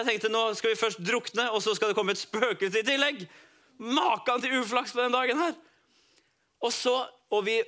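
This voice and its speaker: A man with a high voice and a bright, forceful tone tells a children's Bible story in the first person. He speaks as one of the disciples and turns to his young listeners now and then. His telling stays lively and dramatic.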